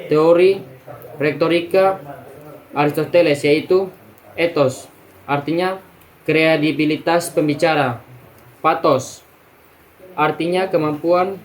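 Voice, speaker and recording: A man's voice: a little high, low-quality recording. Young man reading a class presentation. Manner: steady, list-like delivery with restarts and throat clearing. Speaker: student presenter.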